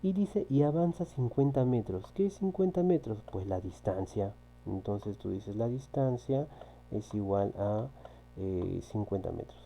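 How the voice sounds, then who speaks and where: A man's voice: lowish voice, animated, unhurried, creaky, dark tone, rough recording. A man teaching a physics class, patiently repeating key points and often checking with his students. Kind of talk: recorded online class walking through exercises. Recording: faint electrical hum.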